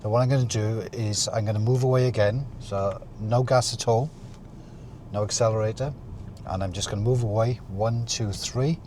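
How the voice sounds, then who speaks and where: A man with a fairly low voice speaks as a driving instructor. He explains things calmly, step by step, while demonstrating at the wheel. The recording is made inside a car, with faint vehicle noise behind him. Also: a little fast.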